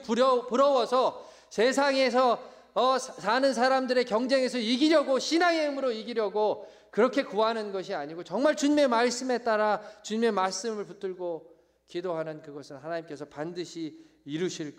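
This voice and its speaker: A male pastor preaching a sermon in an animated, emphatic way. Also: very high-pitched.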